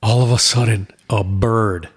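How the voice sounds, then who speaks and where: A man co-hosting a casual podcast, excitable, often repeating his words as he tells a story. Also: lowish voice, a little slow, breathy edge. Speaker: podcast co-host. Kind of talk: casual chat.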